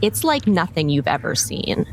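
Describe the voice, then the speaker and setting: A woman's voice: fairly low pitch, very animated, normal speed, rough recording. A woman telling the story of a tabletop game descriptively, with ambient animal noise behind.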